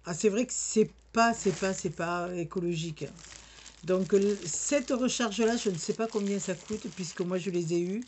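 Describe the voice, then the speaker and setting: Speaking at normal speed, this medium-pitched, slightly mellow woman demonstrates a sticker machine as a crafting demonstrator. She has a regional French accent and a casual, hesitant manner, restarting often and using many fillers, with slight background noise.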